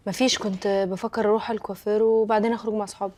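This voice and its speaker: An actress playing a young wife with an Egyptian accent, soothing and placating in a comedy series. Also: female voice, mid-range voice, little pitch movement, racing, a little mellow, close to an everyday voice. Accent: Egyptian Arabic. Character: young wife, anxious and eager to please.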